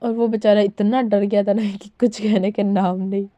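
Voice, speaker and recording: A woman's voice: mid-range voice, little pitch movement, normal speed, warm tone, no echo. A woman retelling a fan-fiction story in a chatty, casual way with many fillers.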